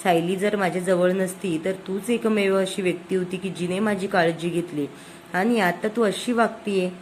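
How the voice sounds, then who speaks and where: A woman's voice: fairly low pitch, a little mellow, slight background noise, lightly acted. A woman voicing a tearful, protective sister-in-law in a serial recap, in a plain retelling voice.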